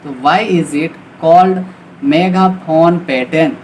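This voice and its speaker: A man with an Indian accent tutors beginners in trading, explaining things informally and often checking in with short confirmations. His voice is on the high side, a little mellow, and very slow. The recording is clearly noisy, with background ambience.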